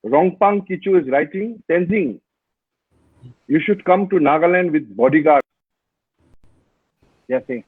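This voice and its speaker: A man's voice: on the high side, lively intonation, slightly rough, dry recording. Male host, casual and teasing, slightly raised voice, phone-quality audio. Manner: chatty, teasing, halting fillers. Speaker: host reading viewer comments. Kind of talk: casual live interview. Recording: thin phone-like video call line.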